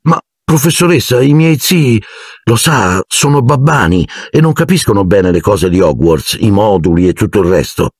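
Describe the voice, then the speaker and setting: A man's voice: on the low side, animated, normal speed, breathy edge, dry recording, studio quality, voice pushed up. A man voicing a nervous teenage boy in an audiobook, hesitant and stammering. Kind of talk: audiobook character voice.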